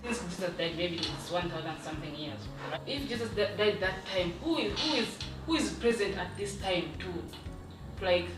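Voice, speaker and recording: Woman from tanzania, kinda low voice, hesitant, lots of fillers, echoey room with music under it. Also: animated, normal speed, distant mic. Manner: hesitant, thinks aloud with many fillers. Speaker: guest. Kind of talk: casual discussion.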